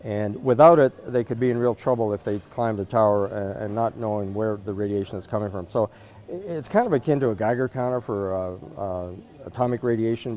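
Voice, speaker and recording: A product marketer in his fifties with a lowish, dark voice demonstrates equipment at an indoor trade event interview spot. He answers interview questions and explains things off the cuff, hesitating frequently.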